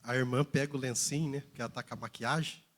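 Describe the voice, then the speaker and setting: A male pastor from Brazil preaching a sermon in a repetitive cadence, swinging between shouted climaxes and hushed asides. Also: mid-range voice, steady tone, fast talker. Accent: Brazilian Portuguese. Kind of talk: Pentecostal sermon.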